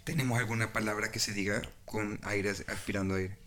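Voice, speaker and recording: A man's voice: lowish voice, fairly quick. A man with a Salvadoran accent in a casual podcast chat, acting out example phrases as he talks. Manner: animated, acts out example phrases in lively voices. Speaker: podcast co-host or guest.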